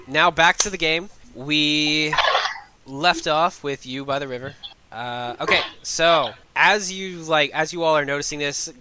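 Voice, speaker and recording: A man's voice: fairly high pitch, background noise. A man narrating as game master of a tabletop game, casual, often laughing and correcting himself mid-sentence.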